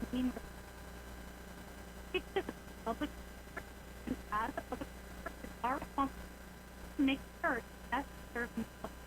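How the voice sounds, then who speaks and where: A woman giving an earnest public comment over a remote call connection whose audio keeps breaking up and dropping words. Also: high-pitched. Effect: choppy breaking-up call audio that stutters and drops words. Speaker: citizen speaker at a public meeting. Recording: noisy, glitchy remote call line.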